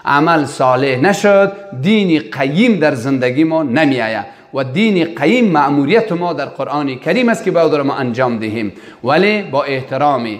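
Man, religious teacher, animated sermon delivery, hall reverb. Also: fairly high pitch. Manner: animated, rising to emphatic recited Arabic phrases. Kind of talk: sermon-style religious lesson.

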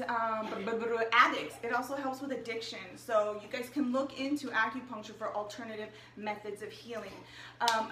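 A woman's voice: a little high, a bit bright. A young woman, a health and wellness coach, chatting upbeat and casually to her viewers on a live stream. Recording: echoey room, mic at a distance, faint hiss.

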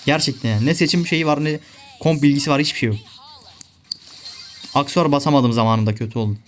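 Over soft background music, a young gaming video creator delivers live gameplay commentary in a mid-range voice at a fast clip. Frustrated, he rants and swears at his teammates.

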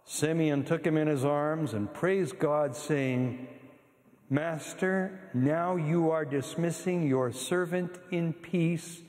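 A man serving as priest, reading the Gospel and preaching at Mass in a measured, solemn way, with a long church reverb. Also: fairly high pitch, a little mellow. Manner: measured, solemn liturgical delivery.

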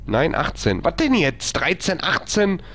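A man's voice: a little high, huge pitch swings, measured pace, a bit bright. A man streaming a horror game, talking to himself in panicky bursts and repeating phrases. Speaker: let's play streamer. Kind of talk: live gameplay commentary.

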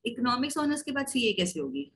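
A woman's voice: a little high, sing-song, racing. A woman in her thirties with a North Indian accent, giving explanatory advice as a counselor on a video call, emphatic and switching between two languages. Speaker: academic counselor. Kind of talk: explanatory advice, mixing Hindi and English. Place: indoors at a desk on a video call.

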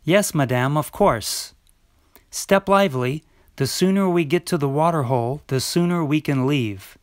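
Fussy bird steward, prim, formal, played by a man, slightly high voice, school stage play. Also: measured pace, dry recording, studio quality, close to an everyday voice. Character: fussy proper male hornbill steward.

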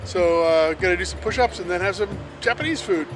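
A man's voice: high voice, a little fast, over music, rough recording. A man in his fifties chatting casually and hesitantly to a handheld camera as a fitness vlogger. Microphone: handheld action camera at arm's length.

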